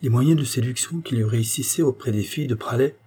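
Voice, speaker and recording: A man narrating a classic novel as an audiobook in a calm, measured way. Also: mid-range voice, husky.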